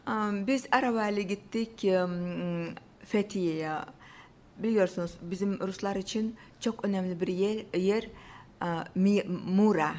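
Russian lady chatting about her life in broken turkish, strong non-native grammar slips, halting, medium pitch. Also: darkish tone, a little hiss or hum. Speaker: interview guest. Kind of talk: casual personal storytelling.

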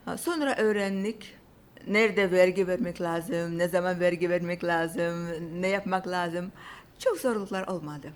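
A woman from Russia with a Russian accent, telling about her own life casually in simple, halting non-native Turkish with grammatical slips. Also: fairly low pitch, steady tone. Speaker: interview guest. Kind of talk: casual personal storytelling.

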